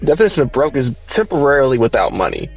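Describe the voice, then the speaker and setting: Guy in his 20s cohosting a podcast, rattles along quick, kinda muffled lo-fi audio. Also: medium pitch, sing-song, creaky, faint music behind. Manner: quick, loose talk with many fillers. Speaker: podcast co-host. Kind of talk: casual chat.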